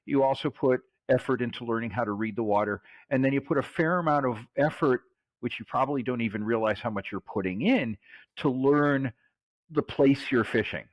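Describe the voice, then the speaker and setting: A man's voice: medium pitch, fairly quick, dry recording, muffled recording. A man being interviewed as a guest about fishing, restarting his sentences as he explains. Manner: restarts and stumbles while explaining. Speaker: guest angler. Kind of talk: casual interview answer.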